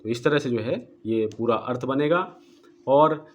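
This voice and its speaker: Man glossing Sanskrit verses slowly. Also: medium pitch, a little hiss or hum. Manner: slow deliberate word-by-word glossing of Sanskrit. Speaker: Gita book presenter. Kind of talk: explanatory book walkthrough.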